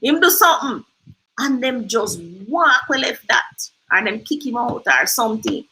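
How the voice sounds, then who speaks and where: Jamaican woman host, emphatic and preachy, higher-pitched, forceful tone, drifts into patois. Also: animated, moderate pace, low-quality recording. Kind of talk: motivational livestream talk.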